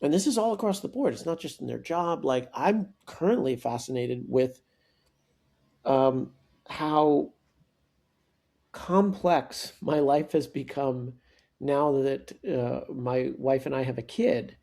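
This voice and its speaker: Brief: man in his forties, podcast guest, gravelly and mellow, animated storyteller who restarts sentences. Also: mid-range voice, takes it slowly. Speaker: guest, startup coach and author.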